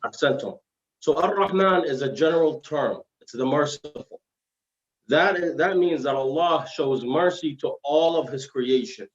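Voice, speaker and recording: A man's voice: fairly high pitch, normal speed. A man giving a religious lesson as an Islamic scholar, formal and explanatory, weaving in Arabic phrases, with slightly slurred, heavy-tongued diction. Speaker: Islamic scholar, guest lecturer. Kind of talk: religious lesson in dialogue form. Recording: roomy, dull live-stream sound.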